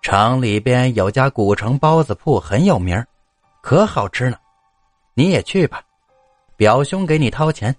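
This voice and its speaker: A man voicing a generous male cousin who works as a peddler, brisk and friendly. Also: medium pitch, animated, dry recording, soft background music, natural voice.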